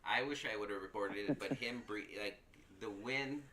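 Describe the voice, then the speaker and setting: A man's voice: fairly low pitch, moderate pace, fairly bright tone. A man from Southern California co-hosting a podcast, rambling and self-deprecating, laughing easily in casual joking chat. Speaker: podcast co-host.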